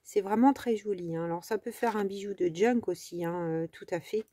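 A woman's voice: medium pitch, fairly quick, dark tone, no room sound. A French woman hosting a casual crafting tutorial, talking in a chatty, rambling way with many fillers.

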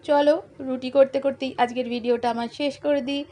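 A middle-aged woman with a hoarse, coughing voice, chatting straight to her viewers in a casual daily vlog. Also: high-pitched, steady tone, a little fast, mellow. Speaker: vlogger.

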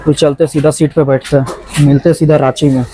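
A young man with a fairly high voice narrates his own train journey, chatting casually to his viewers. He holds an action camera close as he moves through the coach and along the platforms. Clear train and station noise sits under his voice the whole time. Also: little pitch movement, fairly quick. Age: young adult. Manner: chatty, addresses viewers as guys. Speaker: travel vlogger. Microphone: action camera held close. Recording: noisy handheld train recording.

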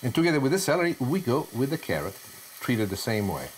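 A man's voice: medium pitch, big pitch swings, quick pace, a little hiss or hum. A middle-aged man hosting a cooking show in a home kitchen, explaining each step expressively and asking himself rhetorical questions. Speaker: TV chef host.

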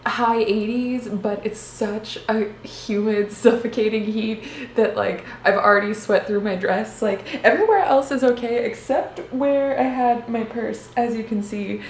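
A young woman in her twenties, a vlogger, chats casually to a handheld camera held close up in a small hotel room, rambling with lots of fillers and giggling little laughs. Her fairly high voice is unhurried with hardly any pauses, and the recording has roomy hotel room sound and faint hiss.

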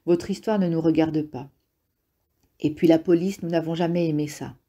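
A woman reads a calm grown man in an audiobook, patient and gently ironic as he probes. The voice is low, dark and a little husky. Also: normal speed.

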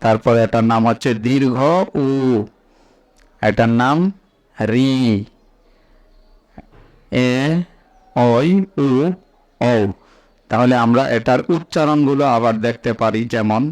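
A man teaching as he recites each item slowly and enunciates it carefully, with explanations in between. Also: mid-range voice, steady tone, a little mellow. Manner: slow, deliberate, enunciating each letter. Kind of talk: slow instructional recitation.

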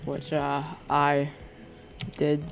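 This Minecraft YouTuber, a young man with a sore throat, speaks extremely slowly in a slightly high, gravelly voice with a completely flat delivery, over soft background music. His casual commentary showcasing a resource pack is rambling and hesitant, packed with ums and restarts.

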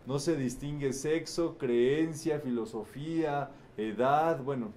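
A man's voice: medium pitch, slow, a little mellow, slight background noise. A man facilitating a group teaching session, asking the participants questions and repeating their answers back with a frequent "¿verdad?". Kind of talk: interactive group teaching talk.

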